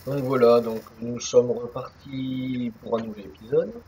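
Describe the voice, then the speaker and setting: A man's voice: mid-range voice, steady tone, measured pace, mellow, slight background noise, low-quality recording. A young man casually commenting on a truck driving game, rambling with many fillers and restarts. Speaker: gaming youtuber. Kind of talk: casual let's-play commentary.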